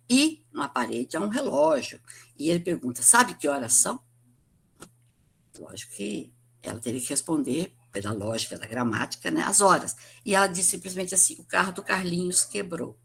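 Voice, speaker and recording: A woman with a Brazilian Portuguese accent lectures over a video call, her voice low and slightly husky. Her intonation swings widely as she explains, and she keeps adding tag questions and restarting phrases. It sounds like an academic talk given remotely. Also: fairly bright tone.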